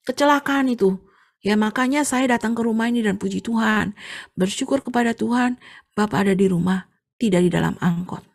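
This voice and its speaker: A woman's voice: fairly high pitch, fairly quick, creaky. A woman doing a panicky neighbor lady. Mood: insistent. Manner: urgent, breathless, relieved.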